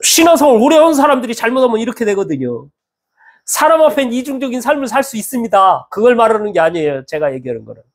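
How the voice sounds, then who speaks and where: A male pastor preaching a sermon in a church, animated and acting out the voices of people he quotes. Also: extremely high pitch. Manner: animated, acts out quoted speech with lively swings in tone.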